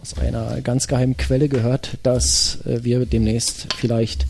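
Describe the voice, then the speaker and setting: A man co-hosting a casual podcast, chuckling often and filling pauses with "äh". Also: mid-range voice, level tone, gravelly, slight background noise. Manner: chuckling, filler-heavy talk. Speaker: podcast co-host.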